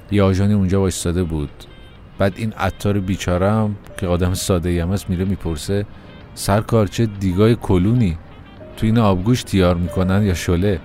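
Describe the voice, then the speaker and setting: A man's voice: deep voice, dark tone, natural voice. A man voicing a frail elderly male former shopkeeper with a weak, thin voice, telling an old tale. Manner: folksy, storytelling.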